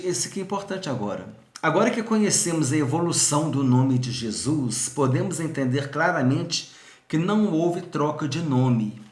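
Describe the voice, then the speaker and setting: A man's voice: on the high side, reverberant. A man teaching a recorded seminary video lesson, explaining patiently, repeating points and speaking straight to the viewer. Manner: addresses viewer directly.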